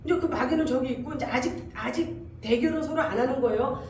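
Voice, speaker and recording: A woman pastor delivers a sermon in a high, mellow voice, animated and full of acted-out sound effects. She swells into loud exhortation as she drives her points home. The recording is echoey and distant, as if captured from the back of a church hall, with faint room noise. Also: quick pace. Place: church sanctuary.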